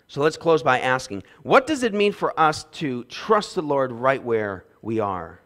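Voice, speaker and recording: A man in his thirties preaching a sermon on a church stage through a headset mic, swinging between loud emphasis and quiet asides. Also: medium pitch, big pitch swings, unhurried. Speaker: pastor. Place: church stage with windows behind.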